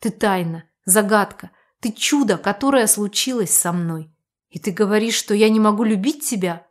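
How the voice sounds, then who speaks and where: A woman's voice: mid-range voice, moderate pace, close to an everyday voice. Woman doing a young man, passionate, protective, earnest, audiobook. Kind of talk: audiobook character reading.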